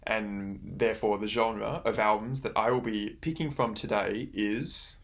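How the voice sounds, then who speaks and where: A man's voice: on the low side, fairly even intonation, a little slow, gravelly. Man's voice cut off suddenly mid-sentence. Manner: rambling, hesitant, many fillers. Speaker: music reviewer. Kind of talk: casual vlog, album reaction.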